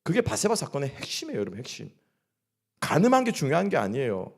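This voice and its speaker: A man's voice: mid-range voice, huge pitch swings, fast talker, gravelly, darkish tone, slightly rough. A man preaching a sermon at a midweek church service. He keeps asking the congregation questions and answering them himself. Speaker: pastor. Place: church sanctuary.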